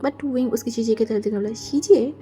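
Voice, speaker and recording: A woman's voice: a little high, steady tone, quick pace, dark tone. A woman narrating a fan fiction story in a chatty, casual way, mixing in English words. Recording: faint background music.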